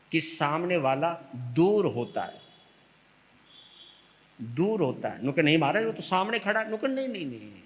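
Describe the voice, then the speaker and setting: A man, a monk, giving a sermon, lively and swinging between loud and soft as he acts out quarrels. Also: very high-pitched, big-room sound. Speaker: Jain monk giving a discourse.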